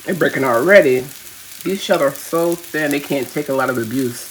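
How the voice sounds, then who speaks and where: A woman's voice: low voice, moderate pace, a little hiss or hum. A woman vlogging in a loose, informal way, talking straight to her viewers from her home kitchen. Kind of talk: casual how-to vlog chat.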